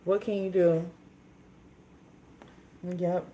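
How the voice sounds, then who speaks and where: A woman's voice: fairly low pitch, flat delivery, very slow, mellow. A woman in her twenties from Minnesota, chatting casually on a livestream in a candid, rambling way with many fillers and restarts. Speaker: livestream host.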